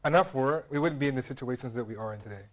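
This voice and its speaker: A man from the United States talks on a studio panel. He has a plain mid-pitched voice and a casual delivery. He hesitates often and repeats words while he works out his point. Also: racing. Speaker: studio guest. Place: television studio.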